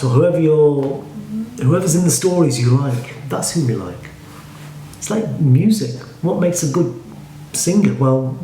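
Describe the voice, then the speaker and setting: A man with a Liverpool accent teaching how to speak verse, brisk and opinionated, splitting each line into its halves. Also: mid-range voice, dark tone. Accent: Liverpool English. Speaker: acting and speech coach. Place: home studio room. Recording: echoey room with faint noise.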